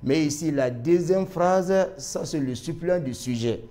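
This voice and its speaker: A man's voice: fairly high pitch, unhurried, mellow. A man with a Malian French accent teaching a grammar lesson, repeating his points with many fillers and switching between two languages. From Mali.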